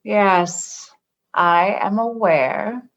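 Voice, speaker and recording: In a sci-fi radio comedy, a woman plays a stern, cryptic alien religious and political leader, speaking formally, literally and in a measured way. Her voice is medium-pitched and the audio sounds dull.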